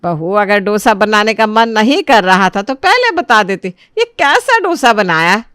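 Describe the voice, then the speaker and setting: A woman voicing a nagging, sharp-tongued older mother-in-law who scolds and taunts. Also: mid-range voice, animated, a little slow, dry recording, studio quality, lightly acted. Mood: scolding.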